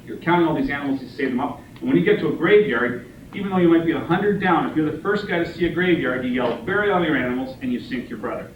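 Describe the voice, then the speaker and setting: A man giving a joking, relaxed class presentation on car games, with many fillers and laughs. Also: mid-range voice. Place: room with a small group. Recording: echoey room from far off, noisy.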